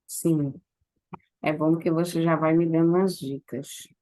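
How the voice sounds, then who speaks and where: A woman preparing an online conference session, asking a colleague practical questions in a soft, casual tone over a video call. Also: deep voice, steady tone, measured pace, no echo, low-quality recording. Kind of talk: casual online meeting chat.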